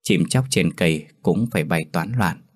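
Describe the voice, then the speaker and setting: Deep-voiced male storyteller. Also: normal speed. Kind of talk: scripted narration of a folk ghost tale.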